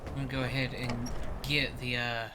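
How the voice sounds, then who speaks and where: A man's voice: mid-range voice, flat delivery, normal speed. A man chatting casually while playing a game with others. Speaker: gamer. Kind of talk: casual gaming chat. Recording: clear background noise.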